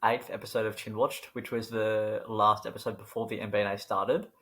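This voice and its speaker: A young man co-hosting a casual podcast, wry and quick to laugh at his own scripted opening. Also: fairly low pitch, flat delivery, a bit bright. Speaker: podcast co-host.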